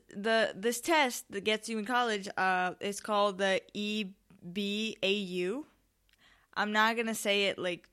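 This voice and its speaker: A woman's voice: medium pitch, pushed and bright, clean tone. A teenage girl from Spain hosting her podcast, rambling casually with many ums and restarts, a little tired and nervous. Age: late teens. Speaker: podcast host. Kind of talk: casual solo podcast chat.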